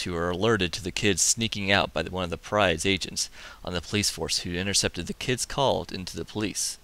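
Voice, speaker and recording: A man hosting a comic book review, summarizing the story with excitable, casual asides. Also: sits low. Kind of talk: enthusiastic comic review narration.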